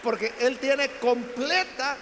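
A man's voice: extremely high pitch, slow pace, sharp tone, big-room sound, a faint crowd, a little hiss or hum. A man preaching a sermon, telling Bible stories dramatically and acting out the voices of the people in them. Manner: dramatic storytelling, acts out quoted voices.

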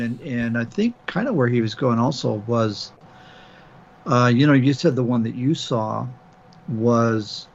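A man co-hosts a casual podcast chat, reading out listener questions in a hesitant way, with lots of fillers and restarts. His voice is medium in pitch, with the highs cut off and a slight noise in the background.

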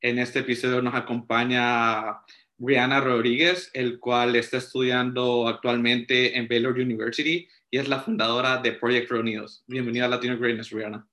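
A man's voice: mid-range voice, flat delivery, moderate pace, sharp tone. A man hosting an interview show, introducing his guest and asking open questions in a conversational way. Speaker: podcast host.

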